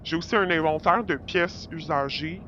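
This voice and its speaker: A performer plays a secretive woman who drives a van in a radio drama, her voice masked by a voice changer. She speaks at a middle pitch and hesitates often between words. The sound is dull and lo-fi, with faint noise behind her. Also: normal speed, bright, forceful tone. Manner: hesitant, lots of filler sounds. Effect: voice changer disguising the voice.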